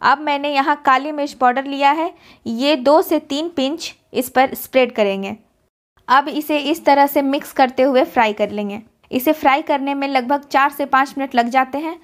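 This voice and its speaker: A woman giving a calm, step-by-step cooking voice-over as host of a recipe channel. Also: high voice, normal speed. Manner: calm, instructive, explains each step.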